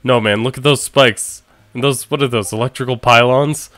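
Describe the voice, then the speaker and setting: A man's voice: medium pitch, steady tone, normal speed, a bit bright, no echo, close to an everyday voice. A man voicing a cautious, protective male thief in a game, worried and urging his partner. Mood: wary.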